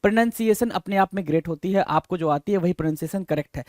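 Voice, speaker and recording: A man's voice: high-pitched, quick pace, a little mellow, no room sound, clean studio sound. A man teaching English vocabulary for exam prep, casually quizzing listeners and spelling words out letter by letter. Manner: quizzes listeners with rhetorical questions; casual, calls listeners "bhai".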